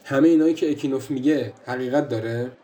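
A man voices a stern, exasperated judge in a radio drama. He questions the accused sharply and scolds him. His voice is warm and mellow. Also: medium pitch, lightly acted. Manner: scolding, interrogating.

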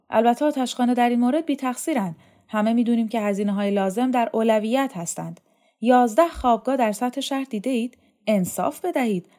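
A woman's voice: a little high, dark tone, voice pushed up. Woman reading as a fawning male dormitory head. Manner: obsequious, overly formal.

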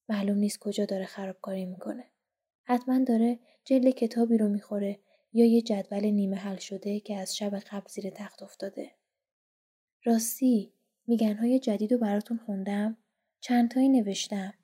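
A woman narrating a first-person story in an audiobook, gentle and conversational. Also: medium pitch, husky. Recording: faint music underneath.

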